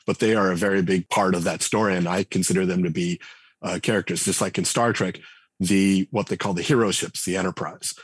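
A low-pitched man speaks at a fairly quick clip in a steady tone, his voice slightly rough and free of echo. He's a game writer and designer appearing as a podcast guest, rambling thoughtfully with plenty of fillers and restarts in a conversational interview.

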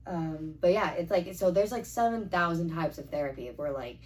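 A woman's voice: on the low side, animated, normal speed. A young woman in casual chat, rambling with a constant "like" and casual swearing. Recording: slightly distant mic, faint background noise.

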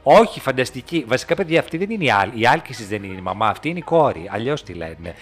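A man's voice: mid-range voice, very animated. A man co-hosting a casual gossip podcast in a studio, with a gossipy, camp, joking manner. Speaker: podcast co-host. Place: warm studio.

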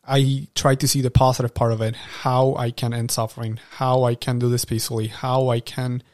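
A man's voice: mid-range voice, little pitch movement, a little fast, dry recording, clean studio sound. A man working as a veterinarian, answering interview questions in an earnest, reassuring way and repeating himself for emphasis.

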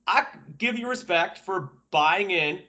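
A man's voice: high voice, slow. A man giving casual sports commentary as a podcast panelist, colloquial and emphatic like an invested fan, often repeating phrases. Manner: animated fan talk, emphatic repetition, colloquial. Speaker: podcast panelist and football analyst.

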